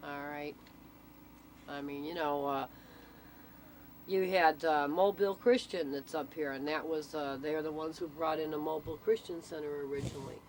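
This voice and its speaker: Her voice sits low, with fairly even intonation and a normal speaking speed. As an interviewee and local storyteller, she recounts things casually and plainly, checking the listener understands, in a noisy amateur recording with traffic in the background.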